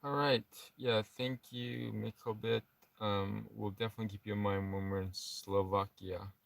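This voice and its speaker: A man co-hosting a casual travel livestream from a camper van, chatting in a relaxed way and reading out viewer comments. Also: lowish voice, normal speed, gravelly, recorded from a distance. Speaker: vlogger co-host. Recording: dry, from a little off mic.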